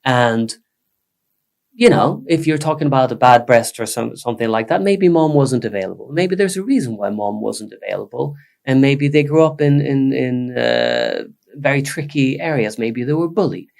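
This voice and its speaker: Male guest, mid-pitched and gravelly, animated and emphatic. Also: moderate pace. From Sweden. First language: Swedish. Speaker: guest psychotherapist. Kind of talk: conversational podcast interview.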